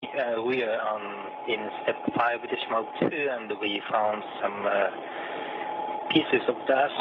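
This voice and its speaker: A man from Japan, an astronaut making halting procedural callouts over a space-to-ground radio link that breaks up. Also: fairly low pitch, steady tone. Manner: halting, measured, frequent pauses. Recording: muffled noisy radio downlink.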